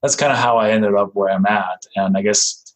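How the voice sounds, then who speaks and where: A real estate investor from Denmark, a guest in a casual interview, speaks in a low voice with a Danish accent, friendly and unhurried. His explanations are halting, with frequent stops, restarts and ums.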